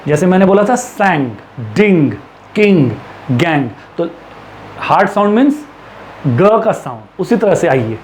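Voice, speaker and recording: Indian man teaching pronunciation, lively pitch. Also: a little hiss or hum. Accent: Indian English. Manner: slow drawn-out English examples, brisk Hindi explanations, lots of rhetorical questions. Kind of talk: classroom-style lesson mixing Hindi and English.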